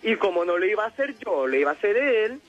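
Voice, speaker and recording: Chileno llamando al programa, voz alta de tono, habla suelto y con jerga, se ríe harto. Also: male voice, sits high, very animated, fast, muffled recording, faint music behind. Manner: slangy, rambling, laughs often. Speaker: caller. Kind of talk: telling a personal story on call-in radio.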